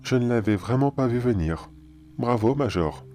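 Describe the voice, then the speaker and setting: A man playing a calm cannibal anomaly. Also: mid-range voice, a little hiss or hum, lightly acted. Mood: politely menacing. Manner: measured, sage, politely menacing. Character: calm cannibal male anomaly, philosophical and menacing. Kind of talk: horror audio drama.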